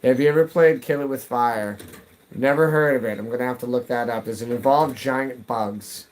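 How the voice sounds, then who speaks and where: A man's voice: mid-range voice, moderate pace, slight background noise. A man in his thirties chatting casually while gaming on a live stream, answering chat and muttering to himself as he plays, from his home basement.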